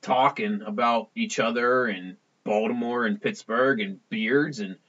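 A man's voice: mid-range voice, unhurried, fairly bright tone. A man hosting a podcast in casual, bantering chat, on a lo-fi recording. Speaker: podcast host. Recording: dull, tinny lo-fi podcast recording.

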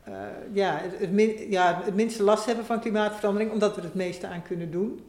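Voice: medium pitch, fairly even intonation, fairly quick, darkish tone. An interview guest explaining ideas thoughtfully, often restarting sentences. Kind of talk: conversational interview. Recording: roomy echo.

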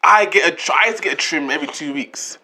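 A man's voice: on the high side, fast talker, bright, forceful tone, slight background noise. A young man with a London roadman accent and slangy, repetitive delivery, bantering casually as a podcast host.

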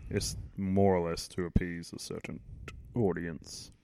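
A man's voice: sits low, little pitch movement, a little slow, vocal fry, dark tone. A man hosting a podcast, chatting casually in a joking, playful, rambling way while he watches a film. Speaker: podcast host. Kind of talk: casual chat.

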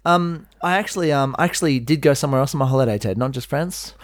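A man's voice: medium pitch, fast talker, dry recording, studio quality. A man co-hosting a casual podcast chat, joking and teasing his co-host with playful wordplay.

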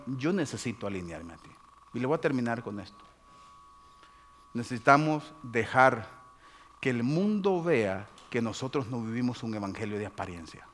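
A man, preaching a lively sermon as pastor and acting out his congregation's excuses. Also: medium pitch, moderate pace. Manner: animated, mimics churchgoers' excuses.

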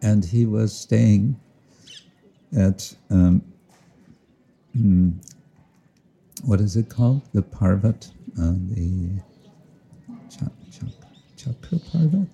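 A man giving a slow, reflective devotional talk outdoors to listeners, often chuckling and explaining Sanskrit and Bengali terms. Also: fairly low pitch, creaky, warm tone, husky. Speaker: spiritual teacher. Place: outdoors with listeners, sun overhead.

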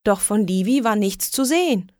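A woman reading a children's story aloud in a lively, expressive way. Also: medium pitch, normal speed, no room sound. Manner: lively, expressive reading with raised voices for quoted calls. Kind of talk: scripted children's story narration.

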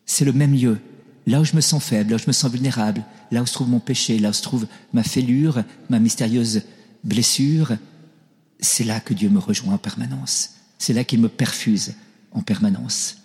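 A man's voice: medium pitch, normal speed, darkish tone. A man preaching a sermon, telling stories and often asking his listeners "voyez-vous". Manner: storytelling, asks the audience "voyez-vous". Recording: reverberant hall.

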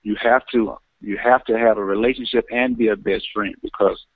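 A man phoning in to a radio talk show, earnest and often pausing with "um". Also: lowish voice, steady tone, breathy edge, no echo. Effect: heard over a phone line. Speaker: caller. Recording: tinny, dry phone line.

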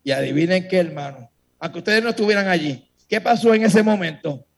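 A man giving a religious testimony to a congregation, telling his story in a lively way and speaking straight to his listeners. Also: high voice, a little fast, creaky.

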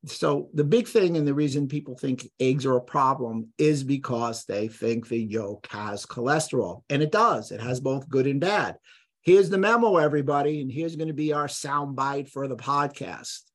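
An emphatic man lays out health claims as a podcast guest, blunt and sure of himself. His voice sits in an ordinary middle pitch. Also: normal speed. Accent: none, trained out of New York accent. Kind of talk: conversational podcast interview.

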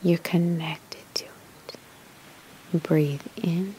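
Guiding a meditation, a woman speaks in short phrases separated by pauses, her whispery, spa-like voice soft, soothing and measured. Her pitch is fairly low and her tone steady, with a little hiss or hum.

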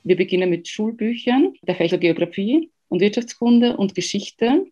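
A woman from Ghana, a guest answering interview questions in a measured, thoughtful way with frequent pauses to find words. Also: mid-range voice, expressive, dark tone, muffled recording. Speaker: guest, education researcher.

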